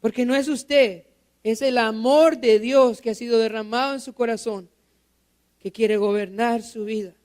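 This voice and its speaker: A man's voice: very high-pitched, fairly even intonation, measured pace, a little mellow, clean tone. A male pastor preaching a sermon in church. He quizzes the congregation with rhetorical questions and repeats key phrases for emphasis.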